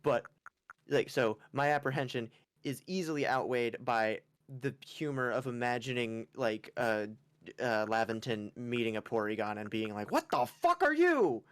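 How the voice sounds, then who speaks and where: A man's voice: mid-range voice, fairly even intonation, moderate pace, clean tone. A man streaming a game, chatting casually, rambling and yawny, making fun of himself. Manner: rambling, self-mocking, yawny. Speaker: gaming streamer. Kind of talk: casual chat over gameplay.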